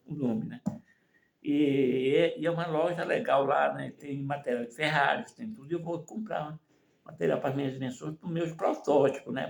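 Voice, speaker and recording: An older man talks in a rambling, folksy way and keeps tossing in little questions to his listeners. His voice is gravelly and sits a bit high for a man. He is recorded in an echoey room. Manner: rambling, keeps asking "né?" and "não é mesmo?"; folksy, moralizing. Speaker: vlogger. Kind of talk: casual advice monologue.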